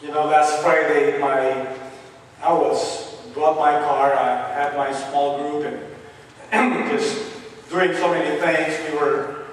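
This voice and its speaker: A man preaching a sermon as pastor, telling a story from his week in an animated way. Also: fairly high pitch, slow, slight background noise. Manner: storytelling, animated when retelling quarrels. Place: church hall. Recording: echoey church hall from far off.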